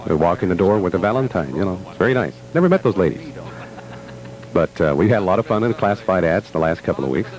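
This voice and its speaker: A man's voice: low voice, sing-song, quick pace, a little mellow, rough recording. A man hosting a morning radio show, chatting casually and easily amused.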